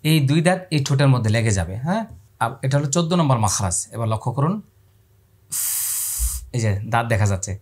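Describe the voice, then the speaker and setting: A man teaching Quran pronunciation step by step, explaining calmly and then drawing out each letter sound in long calls. He asks his own questions and answers them for the viewer. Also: medium pitch, brisk, long pauses, husky.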